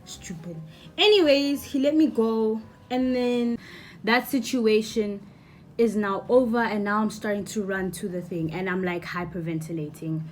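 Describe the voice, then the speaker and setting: A young woman vlogger telling a rambling, animated storytime and repeating herself. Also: mid-range voice, measured pace. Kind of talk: storytime vlog.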